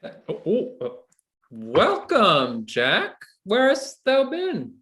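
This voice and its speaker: A man's voice: sits high, wildly swooping pitch, very slow, fairly bright tone, full character voice. An actor reading a prince's merry, jesting male companion in a Shakespeare play. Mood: welcoming.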